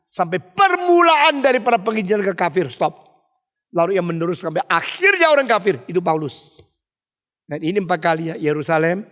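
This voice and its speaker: A man with a notably high voice preaches an expository sermon, telling stories emphatically and stopping often to ask rhetorical questions. His words ring out with a long reverb, as in a large hall. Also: a bit bright. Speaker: pastor.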